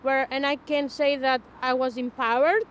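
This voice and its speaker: A woman in her fifties from Greece, speaking with a Greek accent in a documentary interview, earnest and a little halting. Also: sits high, little pitch movement, dull audio. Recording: light background noise.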